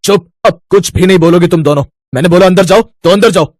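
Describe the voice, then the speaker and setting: A man's voice: mid-range voice, big pitch swings, brisk, dark tone, slightly rough. A man voicing a stern, worried elder brother in a cartoon story, scolding and commanding.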